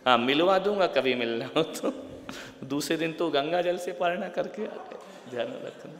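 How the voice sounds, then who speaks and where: A man preaching a sermon, swinging between booming lines and quiet asides, with humor and little acted scenes. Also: normal speed. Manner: animated, swings from loud to quiet, mimes, jokes. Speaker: Jain preacher. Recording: echoey hall with long reverb.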